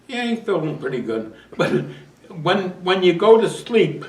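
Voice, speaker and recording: An older man recalls his service in a rambling, chuckling way, his voice a touch high for a man. He sits back from the microphone in a roomy, echoing space. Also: very animated, moderate pace, far from the mic. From United States. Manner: rambling storytelling with restarts and chuckles. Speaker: war veteran interviewee. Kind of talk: oral history interview.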